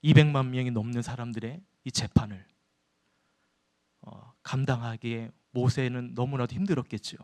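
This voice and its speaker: A man's voice: medium pitch, fairly even intonation, moderate pace, warm tone. A man preaching a sermon in a church, often turning to his listeners with questions and answering them himself. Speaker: pastor.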